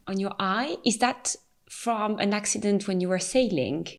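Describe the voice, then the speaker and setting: Woman, podcast host, interviewer, medium pitch, curious questions, laughs along. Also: normal speed.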